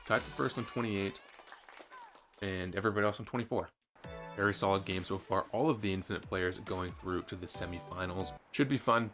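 Game music plays behind a gaming channel host as he gives chatty, upbeat play-by-play of his own game, dropping in some gamer slang. His voice sits low with a fairly bright tone.

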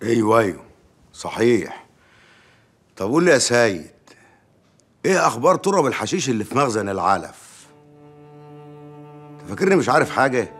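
A fast-talking sly village mayor. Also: male voice, lowish voice. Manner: calm, veiled threats. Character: scheming village mayor, middle-aged man, sly and self-assured. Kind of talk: TV drama acting.

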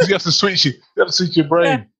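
A man co-hosting a podcast as a speaking coach, talking in an animated, emphatic way with lots of rhetorical questions. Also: a little high, quick pace, breathy edge, rough recording. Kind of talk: casual podcast chat.

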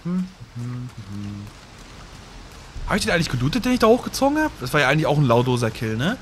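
A man's voice: mid-range voice, wildly swooping pitch, fast. A man giving casual, slangy let's play commentary, grumbling at the game and sometimes whispering along. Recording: game audio with noise behind. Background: game sounds.

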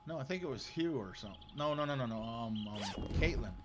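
A man's voice: medium pitch, expressive, fast talker, a crowd in the background. A man chatting loosely with his teammates during a co-op survival game, giving tips and sorting gear. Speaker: co-op gaming teammate. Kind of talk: casual gaming chat. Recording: loud background noise over game chat.

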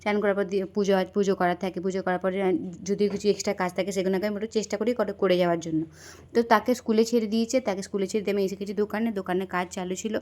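A woman's voice: mid-range voice, fairly even intonation, very fast, a little mellow. A young woman vlogging in a chatty, rambling way, filming on a phone outdoors near a station at night. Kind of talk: casual vlog narration.

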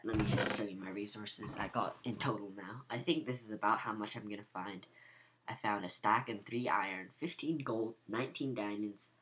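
A man with a raspy just-woke-up voice, thinking aloud as he walks through his game build. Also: on the low side. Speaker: gaming channel host. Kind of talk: gameplay walkthrough commentary. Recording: home mic with steady noise and clicks.

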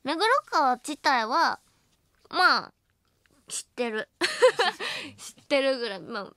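Young female late-night radio host, high and dry-miked, playful and giggly. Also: very animated, slow, pushed and bright, dry recording. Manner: playful, giggly, self-teasing banter; acts out both sides of a mock argument. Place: radio studio. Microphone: studio microphone.

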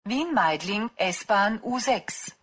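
A woman announcing the next stops in a train announcement, formal and crisp. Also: medium pitch, lively intonation, slow pace, a bit bright.

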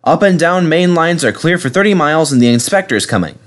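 A man voicing a busy male railway signalman in a storybook, brisk and matter-of-fact. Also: fairly high pitch, expressive, pitched above the performer's own voice, lightly acted.

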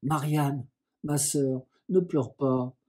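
In an audiobook, a man voices a gentle, pious young blind woman, reading her lines softly, serenely and with resignation. His pitch is medium and his pace slow.

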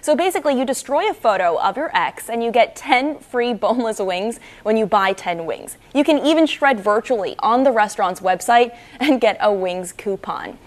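A woman's voice: on the high side, lively intonation, normal speed, hardly any pauses. A woman anchoring TV news in a studio, amused and breaking up in a newsroom blooper.

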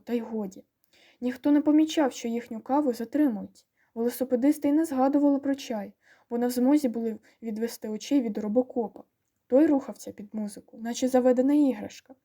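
A woman narrating an audiobook with lively, expressive storytelling. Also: high voice.

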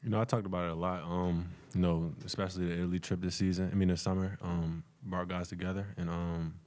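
A young man, a college basketball player, answering reporters at a postgame press conference in a relaxed, filler-heavy way, into a table mic. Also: deep voice, quick pace. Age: young adult.

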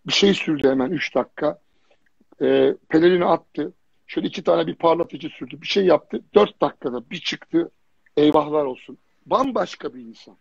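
A man's voice: a little high, normal speed, gravelly, husky, no echo. A man who grew up in Germany, a fitness jury member, chatting casually as a livestream guest, telling stories animatedly with blunt slang and lots of repetition. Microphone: phone or computer on a live video stream. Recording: dull lo-fi livestream audio.

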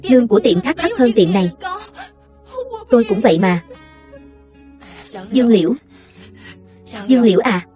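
A woman's voice: fairly high pitch, normal speed, long pauses, soft background music. Woman reading a dubbed drama voice-over. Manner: steady read-out delivery across all parts.

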